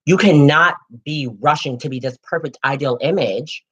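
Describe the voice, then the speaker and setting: A man's voice: a little high, moderate pace, fairly bright tone, husky. Sassy late-twenties man, lo-fi. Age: late 20s. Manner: sassy, dramatic, calls listeners girl and honey. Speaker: co-host. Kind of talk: casual chat. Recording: dull lo-fi sound.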